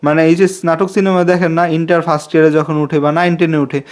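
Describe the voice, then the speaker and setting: Young male vlogger, twenties, slightly high voice, rambling, confiding to camera. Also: flat delivery, quick pace. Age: 20s. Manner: chatty and confiding, repeats himself, pleads for subscribers. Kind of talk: casual talking-to-camera vlog.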